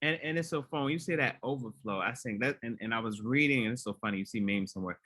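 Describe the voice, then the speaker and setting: A male podcast host with a bright, crisp tone, heard in a dry, close recording. He chats in a relaxed way and backs his guest up with quick affirmations. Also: mid-range voice, no room sound. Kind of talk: casual interview chat.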